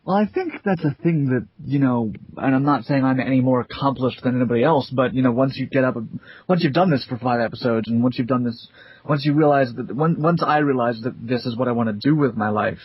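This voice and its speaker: A man's voice: medium pitch, brisk, slightly rough, no echo. A young man, a voice actor, chatting casually and rambling at his desk. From America. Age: young adult. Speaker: voice actor, interviewee. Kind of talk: casual interview chat. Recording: dull, dry lo-fi sound.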